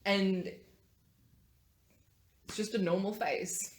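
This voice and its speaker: A woman's voice: mid-range voice, fairly even intonation, slow pace, echoey room. A woman narrating as game master of a tabletop horror game, hesitant with many fillers.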